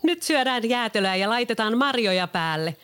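A storyteller voicing a wise, hardworking little pig in a storybook read-aloud, calm and scolding. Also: mid-range voice, smooth, voice pushed up, natural voice. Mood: self-assured. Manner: calm, scolding, self-assured.

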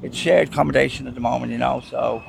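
A man's voice: mid-range voice, fairly even intonation, quick pace, creaky, noisy background. A man with a west of Ireland accent talking candidly in an interview, repeating himself and often adding tag questions. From Galway, west of Ireland. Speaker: street interviewee.

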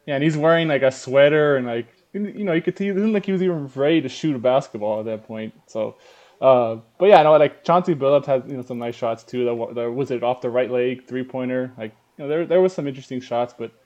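A man's voice: medium pitch, quick pace, a little mellow, dull audio. A man co-hosting a casual sports podcast, talking hesitantly with many fillers. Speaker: podcast co-host.

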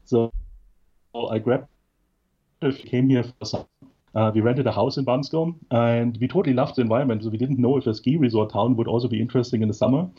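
Man from munich, casual interview guest, relaxed rambling talk, muffled lo-fi sound. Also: mid-range voice, a little fast, husky. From Munich, Germany. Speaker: co-working space founder, guest.

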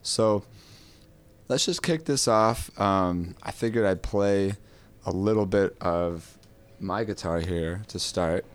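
This man, hoarse from a cold, hosts a laid-back guitar podcast and rambles along with plenty of filler words. His pitch is deep and his delivery slow.

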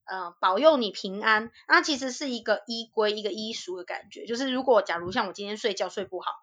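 A young woman, co-hosting a podcast in casual chat. She tells stories lively, acts out quotes and laughs often. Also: medium pitch, fairly quick. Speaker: podcast co-host.

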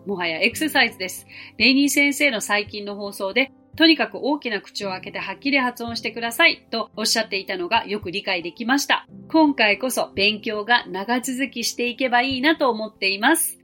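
Woman, 40s, podcast language teacher; bright, clear, patient delivery over a faint music bed. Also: medium pitch. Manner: clear, gentle explanatory tone, slows down for English phrases. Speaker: English teacher and podcast host. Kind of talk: podcast English lesson.

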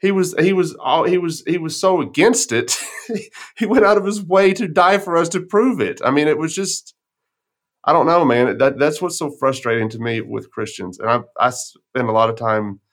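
Speaking at a moderate pace in a voice on the high side, a man hosts a podcast in a folksy West Texas twang. It's casual conversation, with him telling stories from his own life.

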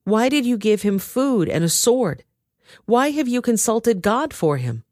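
A woman voicing a paranoid king who shouts accusations at his men. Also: fairly high pitch, big pitch swings, a little slow, no echo, clean studio sound, voice pushed up. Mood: furious.

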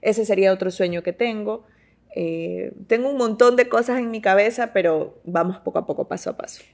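A woman's voice: medium pitch, a little fast, gravelly. A woman with an Ecuadorian Spanish accent, chatting expressively as an interview guest, often restarting her sentences. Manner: expressive, talks with many restarts. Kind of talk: casual interview chat.

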